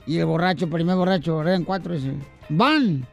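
A man's voice: on the high side, fairly even intonation, fast, creaky, darkish tone, faint music behind. A man with a Mexican accent telling jokes on a morning radio show, playful and slangy, often laughing as he talks.

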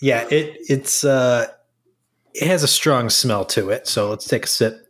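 A man chatting casually as a podcast co-host, drawing out and savoring his words. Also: medium pitch. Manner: drawn-out, savoring delivery. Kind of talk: casual banter among friends.

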